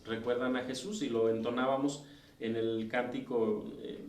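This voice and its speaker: A man with a Mexican Spanish accent, a deacon teaching a Bible lesson, reading scripture aloud and explaining it with pauses and self-corrections. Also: mid-range voice, fairly even intonation, a little mellow. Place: church room. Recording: roomy, distant mic with faint noise.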